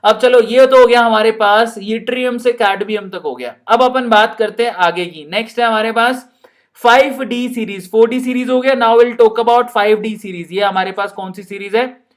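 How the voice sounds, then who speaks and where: A man's voice: extremely high pitch, steady tone, normal speed. A man teaching chemistry in a playful way, with laughs, mnemonic chants and questions to the class. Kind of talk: online lecture.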